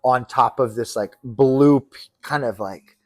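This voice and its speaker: A man's voice: mid-range voice, unhurried. Casual rambling podcast man. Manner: rambling, swearing, excitable when retelling. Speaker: podcast co-host. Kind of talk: casual chat. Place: resort retreat room.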